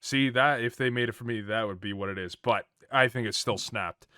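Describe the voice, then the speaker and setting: A man's voice: mid-range voice, fairly quick, sharp tone, clear, resonant tone, no room sound, studio quality. A man hosting a casual podcast chat, talking in a loose, profane way. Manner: loose, profane, laughing easily. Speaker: podcast host.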